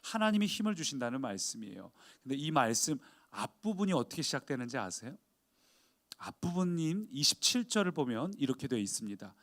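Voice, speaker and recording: A man's voice: medium pitch, sing-song, fairly quick, a bit bright. A male pastor preaching a sermon in a conversational way, often putting questions to the congregation.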